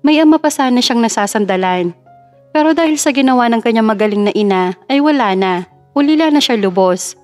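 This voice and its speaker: A woman narrating a dramatic story in a steady, emotive reading. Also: on the high side, brisk. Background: faint background music.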